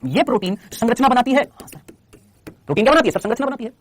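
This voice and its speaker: Animated, rapid-fire male teacher. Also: very high-pitched, no room sound. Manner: chatty, teasing, addresses students as brother and child. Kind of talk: live online class lecture.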